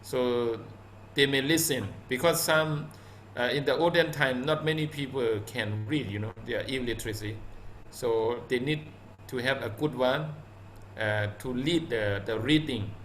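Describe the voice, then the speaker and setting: A male Buddhist monk in an easygoing discussion, speaking haltingly with many pauses and fillers. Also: mid-range voice, fairly bright tone, slight background noise. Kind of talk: casual Dhamma discussion.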